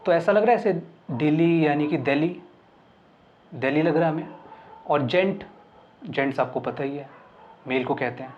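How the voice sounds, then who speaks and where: A man's voice: on the high side, a little mellow. A man teaching English words in Hindi with memory tricks, asking questions and answering them himself. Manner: explains step by step, asks and answers his own questions. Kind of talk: Hindi lesson explaining mnemonics. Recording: dull lo-fi sound.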